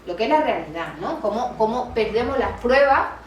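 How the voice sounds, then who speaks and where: A woman speaks as a lawyer at a colloquium, telling a case in animated fashion and playing out both sides of the dialogue. Her voice sits a little high. She is picked up from some distance in a roomy hall with faint ambience. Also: moderate pace, slight background noise. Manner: animated storytelling, acts out quoted dialogue. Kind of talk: talk at a public colloquium. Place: meeting room.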